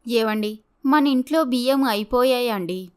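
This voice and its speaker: A woman's voice: a little high, unhurried, clear, resonant tone, close to an everyday voice. A woman voicing a reproachful young wife. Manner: reproachful, pleading. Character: young wife, pleading and aggrieved. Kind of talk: storybook voice acting.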